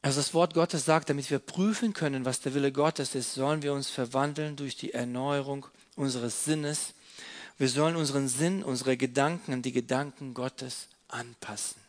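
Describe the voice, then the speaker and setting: A man's voice: medium pitch, fairly even intonation, moderate pace. A man preaching a sermon as an object lesson, explaining while he handles props and repeating his key phrases earnestly.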